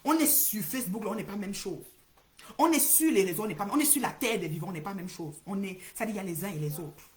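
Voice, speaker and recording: A woman with a West African French accent hosting a heated livestream, repeating names and calling people out, swinging between loud outbursts and low muttering. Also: expressive, fast talker, reverberant. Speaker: livestream host. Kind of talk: heated social media livestream rant.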